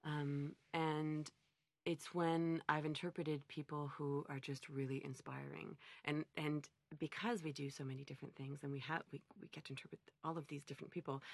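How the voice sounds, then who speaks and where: A middle-aged conference interpreter from Montreal, Canada, answers interview questions reflectively and conversationally, frequently reworking her sentences mid-thought. Her voice sits low with vocal fry, and there's no echo.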